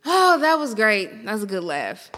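A woman, hosting a podcast in animated, slangy, profane banter. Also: medium pitch, long reverb tail, slight background noise. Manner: animated, slangy, quick to laugh. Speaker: podcast host.

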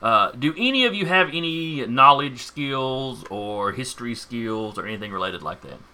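A man narrating a tabletop game as game master, informal and halting as he improvises. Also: medium pitch, expressive, sharp tone.

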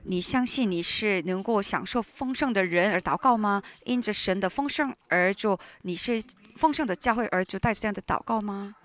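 A woman interpreting a sermon live in a church, speaking in halting phrases with frequent restarts and fillers. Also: mid-range voice, fairly bright tone. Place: church hall.

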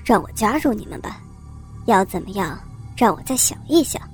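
A woman's voice: mid-range voice, sing-song, normal speed, faint music behind, pitched below the performer's own voice, close to an everyday voice. A woman voicing a smug, scheming young male delivery worker in a narrated story. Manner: smug, sly, taunting.

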